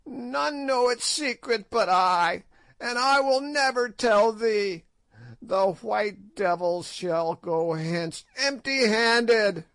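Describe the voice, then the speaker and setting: A man reading aloud and voicing a spiteful, ancient witch woman in shrill, cackling tones. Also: expressive, slow pace, fairly bright tone, dry recording, heavily acted. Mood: mocking.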